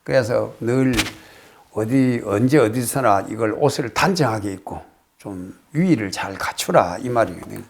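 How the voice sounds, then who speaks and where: An older man from Korea, a Buddhist monk, giving a casual spoken lecture on a classical text, reciting phrases and then explaining them with many pauses. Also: lowish voice, lively intonation, vocal fry, husky. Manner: explains slowly, reciting phrases then paraphrasing, with frequent hesitations.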